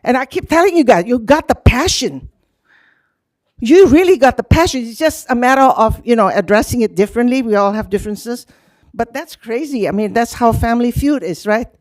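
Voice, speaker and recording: Animated older woman, talkative, dry sound. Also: on the high side, a little fast, no room sound. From Hong Kong, grew up in Indonesia. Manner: animated, talkative, frequent laughs. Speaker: nonprofit youth program leader. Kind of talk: speaking at a public city meeting.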